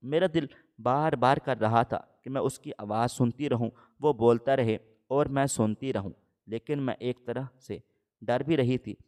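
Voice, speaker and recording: A man narrating a scripted story in the first person, with a steady, measured reading. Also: medium pitch.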